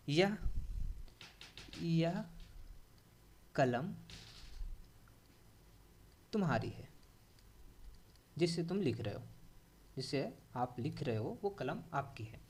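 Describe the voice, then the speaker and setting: A man's voice: a little high, darkish tone, slightly rough. A young adult man with an Indian accent teaching a grammar lesson in a classroom style. He repeats key points and asks the class questions as he goes. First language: Hindi.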